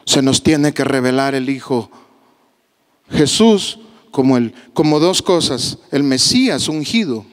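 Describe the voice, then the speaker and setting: A male pastor with a Guatemalan accent preaching a sermon emphatically, moving between low, confiding tones and raised exclamations, and acting out the voices of the people he quotes. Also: in a large hall. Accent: Guatemalan Spanish. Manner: acts out quoted voices of the people he tells about.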